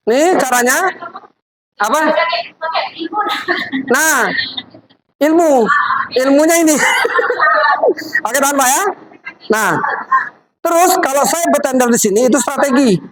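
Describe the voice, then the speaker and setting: Slow and high-pitched, pausing often, a woman gives a live product demonstration to a group as an MLM presenter. She directs volunteers in a chatty, coaxing tone while audience crowd noise sounds in the background.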